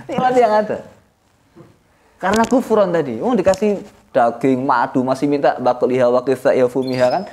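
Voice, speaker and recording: A man with an East Javanese accent leading an informal religious lesson for boarding school students, telling stories in a lively way with sudden jumps in pitch and chuckles. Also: slight background noise. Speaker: Islamic boarding school leader teaching a classical text.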